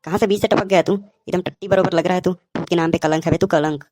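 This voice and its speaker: Fast mocking comic commentator man. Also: sits high, fairly even intonation, darkish tone, no echo. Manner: mocking, roasting. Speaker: channel host and commentator.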